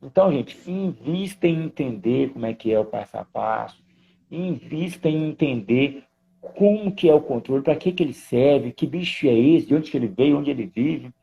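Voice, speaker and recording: Jokey brazilian driving teacher on a live, gravelly voice, kinda dull lo-fi audio. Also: male voice, medium pitch, normal speed. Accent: Brazilian Portuguese. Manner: animated, jokey, reads viewer comments. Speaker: driving instructor, co-host. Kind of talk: casual chat in a live stream.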